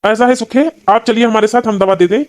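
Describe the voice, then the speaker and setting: A woman's voice: fairly high pitch, steady tone, brisk, darkish tone, natural voice. A woman voicing a stern, middle-aged male village doctor in a cartoon, scolding yet reassuring. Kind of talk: cartoon voice acting.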